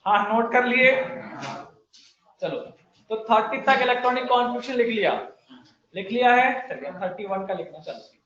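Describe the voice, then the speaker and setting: A man teaching chemistry in a classroom lecture, joking and briskly urging students to write fast. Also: very high-pitched, bright, forceful tone. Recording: echoey room, muffled sound.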